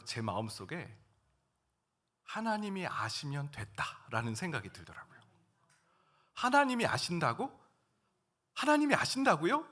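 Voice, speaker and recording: Male pastor, middle-aged, animated pitch, bright tone, storytelling sermon in church. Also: breathy edge. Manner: personal storytelling, emotional swings from hushed to loud. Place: church sanctuary.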